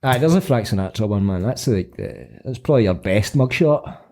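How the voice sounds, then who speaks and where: Mellow-voiced Glaswegian man bantering. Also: on the low side, animated, fairly quick. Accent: Scottish, Glasgow. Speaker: podcast co-host. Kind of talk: casual banter, sweary.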